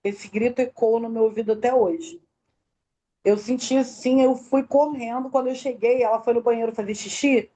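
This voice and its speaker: Woman, middle-aged, fairly high voice, warm and mellow, detailed emotional testimony, acts out quoted dialogue. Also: steady tone, normal speed. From Brazil. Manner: tells the story in detail, acting out quoted dialogue. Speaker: interview guest, bereaved mother.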